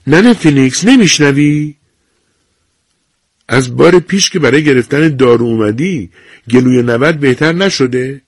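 A man voicing a brisk, impatient nurse who asks curt, firm questions in a raised voice. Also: medium pitch, lively intonation, dry recording, clean studio sound, voice pushed up.

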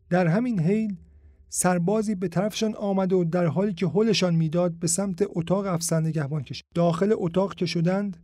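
Male audiobook narrator, high voice, steady measured reading, dry close mic. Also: no echo. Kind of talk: storybook narration.

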